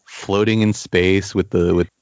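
A man with a lowish voice chatting casually about comics, enthusiastic and stumbling over repeated words as he hunts for the right phrase. The sound is dry and a little dull, like a lo-fi recording. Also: little pitch movement, unhurried, no room sound. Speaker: podcast co-host discussing comics. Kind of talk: casual chat.

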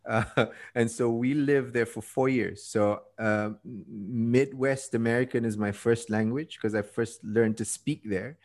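Speaking at a measured pace with hardly any pauses, the man has a mid-range, slightly mellow voice and fairly even intonation. He's a Malaysian TED speaker in his fifties, guesting on a podcast and casually recounting his story with self-deprecating laughs and frequent trailing off.

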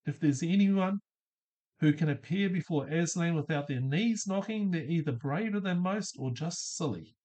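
A man voicing a motherly female beaver from a storybook, reading her lines in a brisk, emphatic, homely way. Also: a little high, animated, a little mellow, natural voice.

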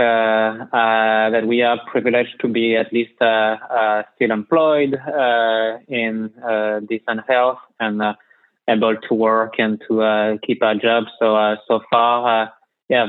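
Heard over a dry, tinny call line with no room sound, a thirty-something Frenchman joins a podcast remotely as a guest. His French-accented voice is medium-pitched, smooth and unhurried, with little pitch movement, and he speaks hesitantly with lots of fillers.

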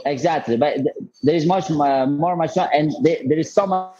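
A man talking as a barbecue chef guest over a video call whose connection keeps breaking up. He speaks haltingly, with many restarts. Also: a little high, warm tone. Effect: choppy, breaking-up video call connection. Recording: dull lo-fi video call audio.

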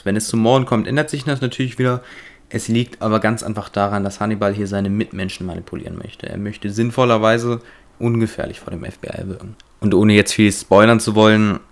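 A man narrating a scripted film review for his own channel, with a measured, analytical delivery. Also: on the low side, fairly even intonation.

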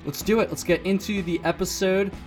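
A man's voice: high-pitched, fairly even intonation, fairly quick, darkish tone, faint music behind. A man hosting a casual podcast in an informal, self-deprecating way, sounding hungover, slightly groggy and a little scratchy. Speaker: podcast host.

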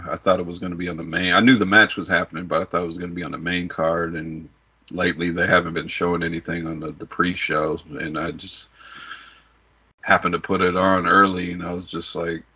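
A man's voice: low-pitched, steady tone, brisk, sharp tone, slightly rough. A middle-aged man hosting a podcast, chatting casually about sports. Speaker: podcast host. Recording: dull lo-fi audio.

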